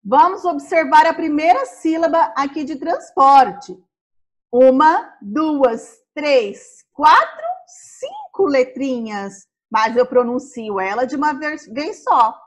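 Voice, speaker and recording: A Brazilian woman teaching a primary school class, sounding out words slowly syllable by syllable. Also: high voice, big pitch swings. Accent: Brazilian Portuguese. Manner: slow, syllable-by-syllable explaining.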